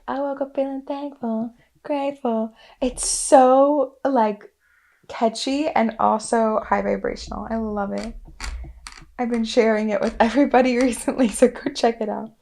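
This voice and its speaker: A young woman telling a personal story in a casual, chatty way, full of "like" and "um", with soft asides. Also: medium pitch. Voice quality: creaky fry voice. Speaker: wellness vlogger.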